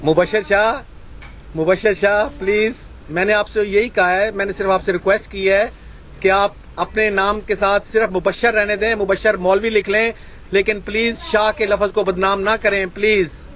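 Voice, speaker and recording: A man's voice: high voice, steady tone, fairly bright tone, slight background noise. A man sending a voice message while driving, polite in tone but mocking, repeatedly saying please. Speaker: Ahmadi missionary debater. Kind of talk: voice-message debate. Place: in a moving car, driving.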